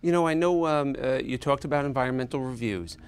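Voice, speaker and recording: A man in his fifties interviewing a guest in a studio, often halting and repeating words as he starts his questions. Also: mid-range voice, smooth. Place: small studio set with armchairs.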